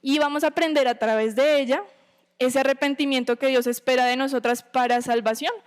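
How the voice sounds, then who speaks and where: A woman's voice: high voice, fairly even intonation, fairly quick. A woman giving a sermon to a women's meeting, teaching in a conversational way, asking rhetorical questions and checking in with her listeners.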